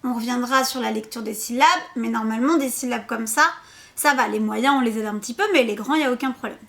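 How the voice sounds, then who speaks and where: A woman, a preschool teacher, patiently explaining a syllable game to parents, repeating words and sounding out syllables slowly. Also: a little high, fairly even intonation, gravelly, a bit bright.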